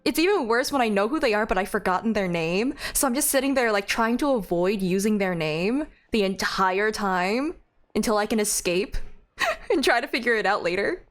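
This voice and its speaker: A woman's voice: mid-range voice, expressive, normal speed, faint music behind. A young woman doing casual, chatty live stream commentary, playfully reacting as she plays a game.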